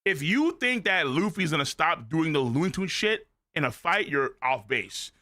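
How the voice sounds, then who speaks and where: A man streaming a live manga reaction, excitable and profane, full of slang. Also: on the high side, moderate pace.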